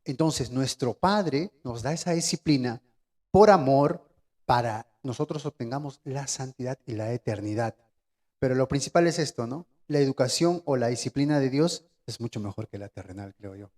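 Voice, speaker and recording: Man chatting at bible study, earnest, lots of little "este" pauses. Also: medium pitch, darkish tone. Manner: earnest, thinking aloud, hesitant fillers. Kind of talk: casual Bible study comment.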